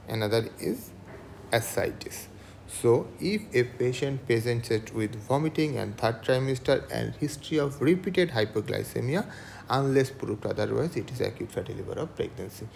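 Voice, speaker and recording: Gravelly-voiced man lecturing. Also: medium pitch, a little mellow, a little hiss or hum. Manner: asks questions then answers, lists items. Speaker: medical lecturer. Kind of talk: clinical case lecture.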